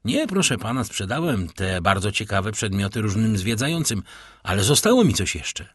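A man voicing a humble, eager, talkative old prison doorkeeper with a servile, deferential manner and a husky voice. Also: on the low side, very animated, normal speed, dry recording, clean studio sound.

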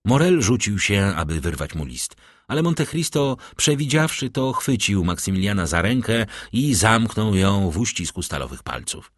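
Deep, husky male audiobook narrator. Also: very animated, moderate pace, dry recording, clean studio sound. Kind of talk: scripted narration.

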